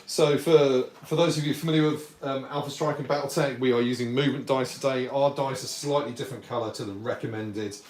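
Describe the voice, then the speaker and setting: A man's voice: medium pitch, fairly even intonation, brisk, few pauses, darkish tone. A man talking through a tabletop wargame on a live stream, explaining rules and thanking viewers as he goes. His voice sits mid-range and sounds set back from the mic in a roomy space, with a light hiss underneath. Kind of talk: casual live-stream game commentary. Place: warm home apartment, indoors. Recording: roomy sound, distant mic, faint noise.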